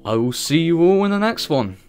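A man's voice: fairly high pitch, sing-song, a little fast, a little mellow, faint music behind. A man hosting an online talent show over voice chat, upbeat and presenter-like.

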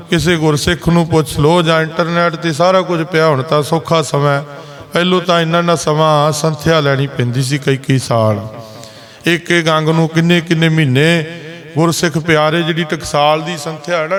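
A man giving a Sikh sermon, explaining scripture slowly and chanting its verses between his explanations. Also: a little high, a bit bright. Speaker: Sikh preacher giving katha. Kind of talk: sermon with sung scripture lines. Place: gurdwara.

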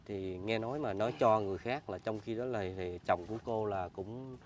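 A man with a Southern Vietnamese Mekong Delta accent, interviewing a woman politely and softly. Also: lowish voice, a little fast, slight background noise. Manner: soft-spoken, polite, constant agreeing "yes" backchannel. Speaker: interviewer, channel host. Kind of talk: field interview.

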